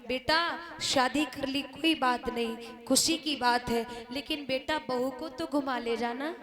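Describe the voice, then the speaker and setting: A woman playing a soft-spoken, pleading old mother. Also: high-pitched, steady tone, a little slow, a crowd in the background. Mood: gentle.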